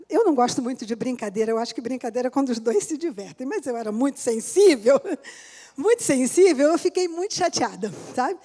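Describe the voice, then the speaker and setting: A woman's voice: high voice, darkish tone. A middle-aged woman pastor preaching a sermon in church, telling a personal testimony and laughing often as she talks to the congregation.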